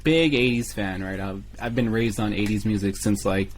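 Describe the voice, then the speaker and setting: A man from Los Angeles, a music producer guest on a podcast, laid-back and quick to laugh. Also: lowish voice, a little hiss or hum. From Los Angeles, California. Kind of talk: casual podcast interview.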